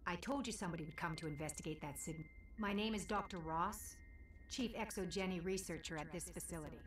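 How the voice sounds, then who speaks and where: A woman's voice: fairly low pitch, fairly quick, slight background noise, lightly acted. An actress voicing a weary female research scientist in a video game, trapped and anxious, speaking earnestly.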